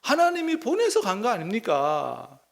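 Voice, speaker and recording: A man's voice: wildly swooping pitch, moderate pace, creaky, exaggerated voice. A man acting out a pleading prophet, complaining to God with exasperated, protesting questions. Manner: exasperated, protesting questions, rising higher and louder. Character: indignant, pleading biblical prophet arguing with God.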